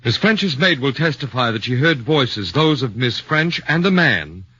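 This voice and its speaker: In a 1940s radio drama heard through a muffled old broadcast, a man plays a shrewd, middle-aged defense lawyer who questions witnesses in a probing, measured way. His mid-range voice is bright and forceful with a breathy edge, swinging widely in pitch. The performance is heavily acted.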